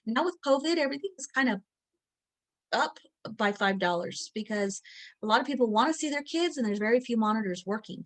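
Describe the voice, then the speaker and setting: A middle-aged woman teaching a recorded training lesson, chatty and candid, with many fillers and quoted asides. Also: medium pitch. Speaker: training instructor.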